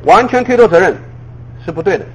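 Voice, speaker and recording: A man preaching a sermon in a lively way. He fires off rhetorical questions at his listeners and often chuckles at his own points. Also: high-pitched, fast, breathy edge, low-quality recording.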